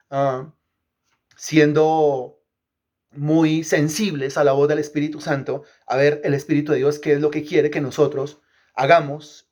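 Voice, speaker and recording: Emphatic preacher man, slightly high voice. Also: darkish tone. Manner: asks the congregation questions and repeats phrases; emphatic, rhythmic repetition. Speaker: pastor. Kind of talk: teaching sermon.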